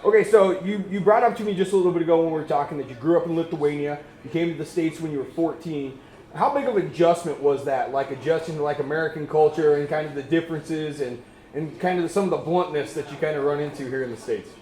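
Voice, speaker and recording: A man's voice: a little high, fast talker, mellow. A man hosting an upbeat pre-fight MMA interview in a slangy, teasing, chummy way. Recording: echoey room.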